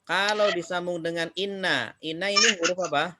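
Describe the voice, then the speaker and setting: A man teaching an Arabic reading class, slow and patient, repeating each student's answer. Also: sits high, very noisy. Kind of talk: online class drilling students.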